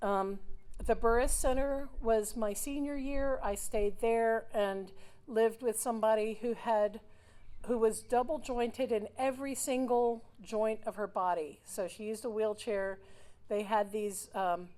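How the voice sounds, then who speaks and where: A woman's voice: a little high, fairly even intonation, measured pace, mellow, rough recording. A woman in her fifties who grew up in Switzerland, giving a rambling personal speech at a memorial with many "um" fillers. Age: 50s. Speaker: alumna speaker.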